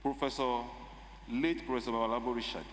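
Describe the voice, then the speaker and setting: A man with a Nigerian accent giving a measured, emphatic formal speech as a state lawmaker. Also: mid-range voice, steady tone. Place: legislative chamber. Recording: echoey assembly hall with faint noise.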